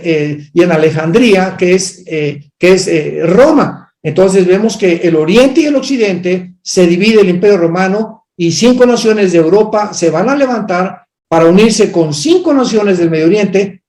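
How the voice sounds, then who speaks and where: A man's voice: high voice, a little mellow. Firm man teaching in an echoey room. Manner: firm, emphatic, corrects speculation bluntly. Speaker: theology teacher. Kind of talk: lecture answering a student's question.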